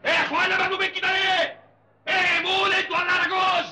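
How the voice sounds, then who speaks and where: A man's voice: fairly high pitch, sing-song, rapid-fire, bright, forceful tone, full character voice, low-quality recording. An actor playing an older neighborhood strongman and father, speaking with an Egyptian accent, hearty and commanding. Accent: Egyptian Arabic.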